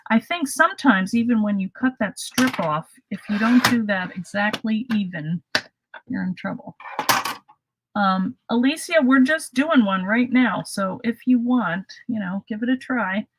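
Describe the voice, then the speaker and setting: A woman's voice: on the high side, animated, unhurried, slight background noise, low-quality recording. Woman, middle-aged, craft host, casual live demo, chatty, laughs at own mistakes. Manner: chatty, self-deprecating, laughs at her own slips.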